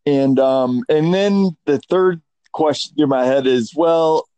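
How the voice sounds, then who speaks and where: A man's voice: on the high side, takes it slowly, mellow, clear, resonant tone, no echo. A man co-hosting a podcast, talking candidly and reflectively, hesitating and repeating phrases. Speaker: podcast co-host. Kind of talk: candid personal talk.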